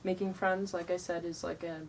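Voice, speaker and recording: A young woman vlogger gives reenactor tips straight to camera in a lowish, deeper voice, frank and blunt, with lots of ums and likes. She sounds tired, her delivery is flat but brisk, and the distant mic catches a faint hiss in a rough recording.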